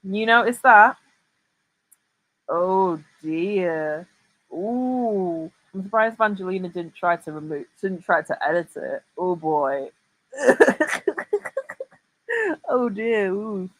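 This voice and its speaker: Slow, sarcastic woman commentator. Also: fairly low pitch, rough recording. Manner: sarcastic, mocking asides. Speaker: reaction commentator. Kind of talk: casual reaction commentary.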